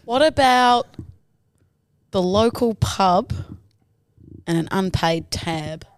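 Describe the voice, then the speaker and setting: A woman's voice: mid-range voice, expressive, slow, clear, resonant tone, dry recording, clean studio sound. A woman with an Australian accent chatting as a comedy podcast co-host, playful and cheeky. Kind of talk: casual comic banter.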